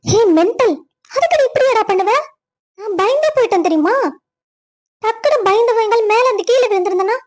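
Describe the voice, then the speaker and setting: A woman voicing a spirited young wife in a cartoon story, talking in a lively, teasing way. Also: extremely high pitch, fairly quick, long pauses. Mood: scolding.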